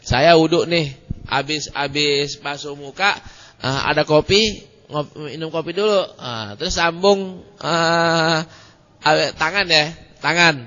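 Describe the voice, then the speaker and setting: A man's voice: on the high side, slow, bright, forceful tone. A man giving a colloquial religious study lecture, rambling with many hesitations. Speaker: religious teacher. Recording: muffled recording in a reverberant hall.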